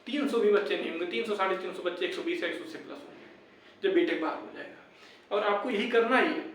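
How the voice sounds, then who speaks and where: High and fairly bright, a young man's voice runs a little fast as he offers informal advice and encouragement to his YouTube exam-update viewers, whom he calls brothers. He is insistent and repetitive. A faint hiss or hum sits under audio from a very echoey room and a far-off microphone.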